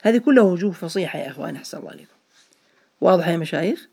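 A man's voice: high voice, lively intonation, very fast, gravelly, darkish tone, slightly rough. A man leads a grammar lesson, calling on his students by name and repeating each point so it sticks. He blesses his students whenever they answer. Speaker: Arabic grammar teacher. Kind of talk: classroom lesson.

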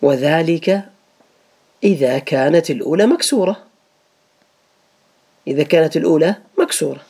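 A man's voice: fairly high pitch, lively intonation, normal speed, mellow, slightly rough. A man teaching a grammar lesson to students, patiently repeating each rule and asking them questions.

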